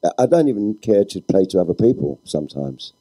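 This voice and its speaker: A man's voice: on the low side, sing-song, a little fast, dark tone, no echo, low-quality recording. A man speaking on a live panel in a laid-back, philosophical way. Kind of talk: panel discussion.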